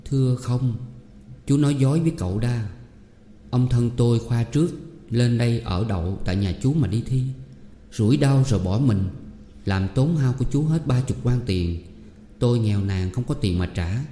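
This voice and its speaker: A man's voice: medium pitch, moderate pace, warm tone, lightly acted. A man voicing a proud poor young woman who answers firmly and with indignation. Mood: plaintive. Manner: indignant, firm. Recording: echoey room with long reverb.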